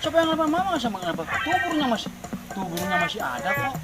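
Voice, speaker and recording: A man's voice: extremely high pitch, big pitch swings, rapid-fire. A man in a slapstick comedy short, arguing in a repetitive teasing way. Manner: bickering, repetitive teasing argument. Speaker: comic actor in a short film. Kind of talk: slapstick comedy sketch dialogue. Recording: loud music behind the voice.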